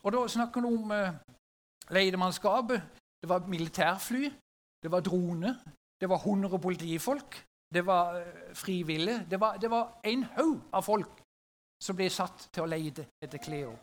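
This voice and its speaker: High-voiced middle-aged man telling a story. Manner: conversational, often asks the audience "right?". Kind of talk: storytelling talk to an audience.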